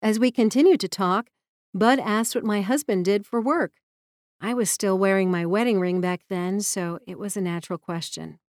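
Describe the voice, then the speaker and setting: A woman's voice: medium pitch, normal speed, a little mellow, dry recording, studio quality. Earnest woman reading her memoir. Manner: earnest, reflective. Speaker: memoir narrator. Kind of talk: audiobook memoir narration.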